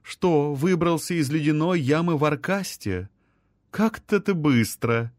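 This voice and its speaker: A man's voice: on the high side, lively intonation, a little slow, a little mellow, no room sound, studio quality, pitched above the performer's own voice. A man voicing a confident sorceress queen who speaks in a proud, sing-song way.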